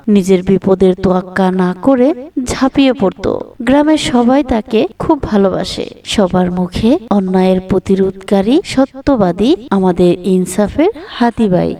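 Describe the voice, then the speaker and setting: A woman's voice: mid-range voice, creaky, dark tone. A woman giving scripted, earnest narration for a moral cartoon story. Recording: distant from the mic.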